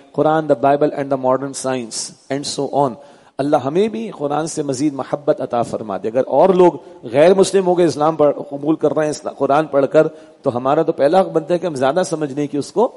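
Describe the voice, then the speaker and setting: Man teaching Quran commentary, slightly high voice, recites slowly then explains, reverberant hall. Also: mellow.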